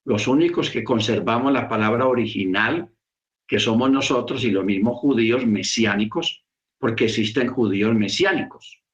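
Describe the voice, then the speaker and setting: A man teaching a congregation in a sermon, explaining slowly and repeating key words for emphasis. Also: medium pitch, echoey room, lo-fi sound. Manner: slow, repetitive, emphatic explaining.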